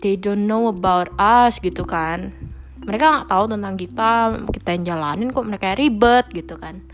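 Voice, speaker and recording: Here the young woman running her own podcast has a medium-pitched voice and a moderate pace. She talks frankly and casually by herself, using slang and dropping in bits of English.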